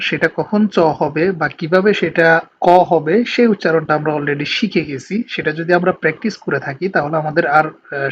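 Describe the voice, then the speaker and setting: A Bangladeshi man with a Bengali accent and a somewhat high voice teaches an online language lesson, explaining patiently and slowing down to spell out words. The recording is slightly dull and lo-fi, with faint background noise.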